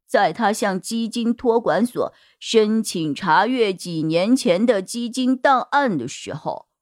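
Slow, expressive woman narrating a mystery. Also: mid-range voice, no echo, clean studio sound. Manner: expressive storytelling. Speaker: audiobook narrator. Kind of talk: scripted narration of a detective novel.

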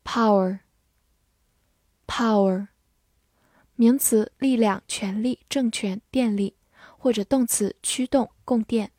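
A woman reading a vocabulary list slowly, saying each word twice before its meanings. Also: on the high side, steady tone, a little mellow, no room sound, studio quality. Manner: slow, deliberate, repeats each word twice. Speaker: vocabulary reader. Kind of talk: slow word-list drill.

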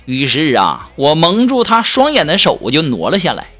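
A comic storyteller tells cheeky, humorous stories in a monologue, laughing at his own jokes, with music playing behind him. His voice is on the high side with huge pitch swings, and he keeps a moderate pace.

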